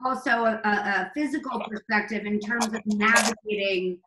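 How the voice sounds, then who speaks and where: At a normal speed, this talk show host gushes over her guest, her exclamations jumping sharply in pitch. She's recorded in an echoey room against a noisy background.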